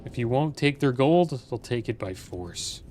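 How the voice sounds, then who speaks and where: A man's voice: mid-range voice, expressive, a little slow, darkish tone, slight background noise. A man giving casual, informal let's play commentary as a gaming video host. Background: faint game music and sounds.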